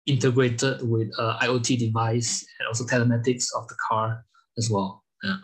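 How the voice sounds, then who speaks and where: A man from Malaysia is being interviewed on a podcast about the company he founded. His voice is slightly husky and stays level and flat in pitch. He pauses often and fills the gaps with "uh" as he works through his answers. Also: rough recording. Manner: halting, many fillers, non-native phrasing. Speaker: guest, startup founder and CEO.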